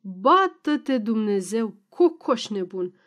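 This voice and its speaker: A woman's voice: fairly high pitch, very animated, a bit bright. A woman voicing a sleepy, grumbling old peasant man in an audiobook reading.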